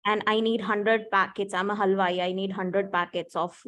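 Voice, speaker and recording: A woman's voice: mid-range voice, steady tone, normal speed, a bit bright. A woman with an Indian accent asking questions informally as a participant in a discussion.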